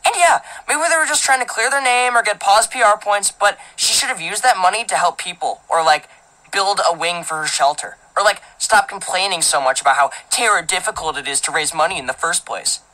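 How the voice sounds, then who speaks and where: A woman's voice: medium pitch, a little fast, bright, forceful tone, poor audio. A woman narrating a teenage boy's first-person story as an audiobook, in a casual, filler-filled, indignant manner. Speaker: audiobook reader.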